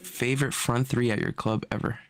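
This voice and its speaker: A man hosting a casual podcast, relaxed and teasing as he steers the talk. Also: mid-range voice, brisk. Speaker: podcast host.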